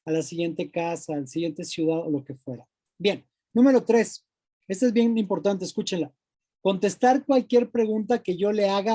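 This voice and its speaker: Animated Mexican man giving a motivational talk. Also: a little high. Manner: animated, colloquial, acts out inner voices. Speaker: speaker.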